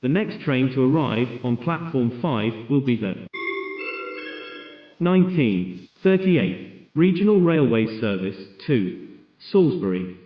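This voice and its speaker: A man's voice: mid-range voice, very animated, slow, long pauses. An automated train station announcement in a man's voice, built from recorded words spliced together, with a formal announcer delivery. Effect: spliced together words from recorded clips. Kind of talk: station public address announcement. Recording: dull, echoey playback with faint music.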